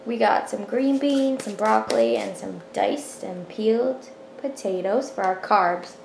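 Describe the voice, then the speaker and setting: A woman's voice: on the high side, big pitch swings, measured pace, creaky. A cheerful young woman hosting a casual cooking demonstration in her home kitchen, explaining each step plainly. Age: young adult. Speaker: cooking channel host. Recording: roomy kitchen echo, faint noise.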